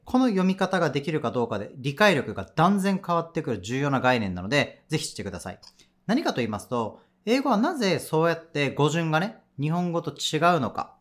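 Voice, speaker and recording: A man teaching an audio lesson as an English teacher at a cram school, explaining in a chatty, patient way. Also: a little high.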